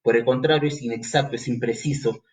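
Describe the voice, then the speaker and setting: A man's voice: medium pitch, a little fast, low-quality recording. A man with a Peruvian accent teaching a grammar lesson for entrance exams, speaking straight to the student and sometimes acting out the student's questions. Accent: Peruvian Spanish. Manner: lively, talks straight to the student, acts out student questions. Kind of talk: exam-prep grammar lesson.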